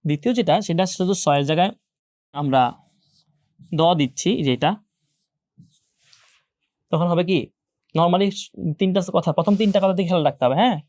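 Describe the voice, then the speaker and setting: A man's voice: high voice, moderate pace, pauses often, darkish tone, dry recording, clean studio sound. Patient young man drilling letter sounds. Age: young adult. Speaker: Quran teacher. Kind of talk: online class lecture.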